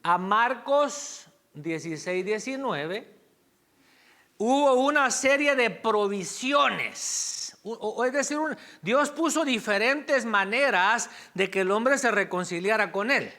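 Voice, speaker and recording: Pastor guy preaching slow, high bright voice, chatty asides, keeps correcting himself. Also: expressive. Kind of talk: sermon.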